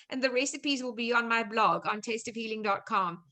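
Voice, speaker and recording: A South African woman, appearing as a guest nutrition coach on a video call, chats in a casual, reassuring way during a relaxed online presentation. Her voice sits a little high and sounds pushed and bright, moving at a moderate pace.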